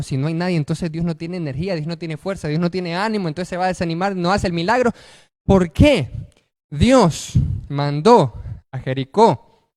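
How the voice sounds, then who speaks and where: Pastor guy, high voice, preaching with big loud bursts, long reverb all around. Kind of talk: sermon.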